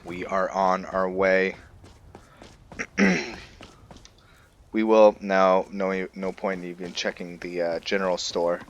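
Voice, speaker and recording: Steady and slow, with many pauses, a man whose voice sits low muses aloud while playing a video game. He is the relaxed host of a roleplay series, delivering casual let's-play commentary.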